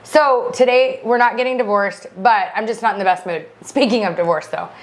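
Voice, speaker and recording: A woman's voice: fairly high pitch, brisk. A woman co-hosting a podcast, chatting casually in a rambling way full of "like". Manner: rambling, filler-heavy chatter with lots of "like". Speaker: podcast co-host. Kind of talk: casual chat.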